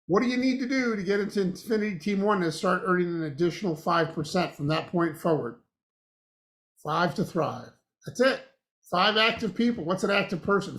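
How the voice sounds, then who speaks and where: A man's voice: high voice, a bit bright. A man hosting an online business presentation, upbeat and salesy, laughing easily as he walks through a plan. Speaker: host presenting a compensation plan. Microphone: video call.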